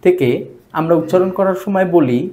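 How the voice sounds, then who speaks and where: A man with a Bangladeshi Bengali accent teaching a grammar lesson for exam preparation, repeating each term slowly for emphasis. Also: high voice, warm tone.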